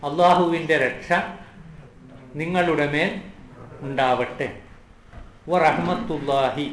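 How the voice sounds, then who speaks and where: A man teaching a lesson, slow and patient, repeating words for the class to recite. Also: fairly high pitch. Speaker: Arabic teacher. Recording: echoey room, faint ambient noise.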